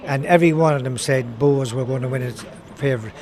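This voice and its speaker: A man's voice: mid-range voice, fairly quick, crowd noise. An older Irish man reminiscing in a rambling, conversational way, telling anecdotes as a former footballer. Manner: rambling, conversational, repeats himself. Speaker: former footballer being interviewed.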